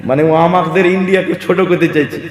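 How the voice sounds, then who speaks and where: A man's voice: high voice, fairly even intonation, fast. A man from Assam preaching a humorous sermon, teasing the crowd with rhetorical questions. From Assam, India. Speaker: Islamic preacher. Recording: echoey hall with long reverb.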